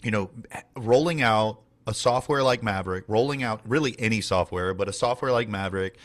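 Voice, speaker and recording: Low-voiced man giving a training talk. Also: a little fast. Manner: rambling, many fillers and restarts. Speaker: team leader and trainer.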